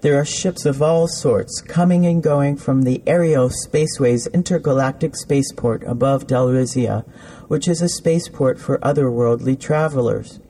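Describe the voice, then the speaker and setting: A man's voice: mid-range voice, normal speed, mellow. A man telling a playful, campy sci-fi story in scripted narration.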